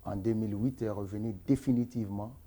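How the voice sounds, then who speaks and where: Guy in an interview, talks earnest and emphatic, low voice. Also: fairly even intonation, quick pace, dark tone. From Democratic Republic of the Congo. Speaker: interview guest, entrepreneur and author. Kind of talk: answering interview questions.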